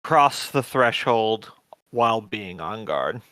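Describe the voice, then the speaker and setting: A man's voice: lowish voice, expressive, slow, a bit bright, clean tone, no room sound. A man playing a tabletop game, talking casually about his character's moves.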